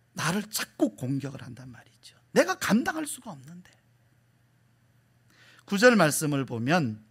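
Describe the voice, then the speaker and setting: Middle-aged male pastor, sermon delivery, high and very animated pitch, rhetorical questions, occasional whispers. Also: husky. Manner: rhetorical questions, repeats key words, drops to soft whispers.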